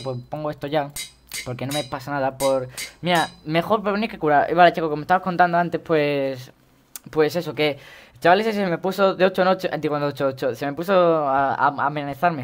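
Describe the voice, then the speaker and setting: A teenage boy with a Spain Spanish accent, rambling chattily through gameplay commentary and breaking into sudden high yelps. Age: teens. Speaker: gaming YouTuber.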